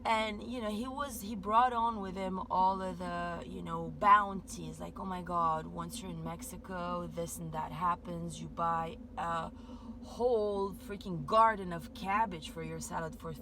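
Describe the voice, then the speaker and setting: Rambling woman with a low voice. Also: unhurried. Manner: meandering, heavy with "like" and "you know" fillers. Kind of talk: rambling spiritual monologue. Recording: steady background noise.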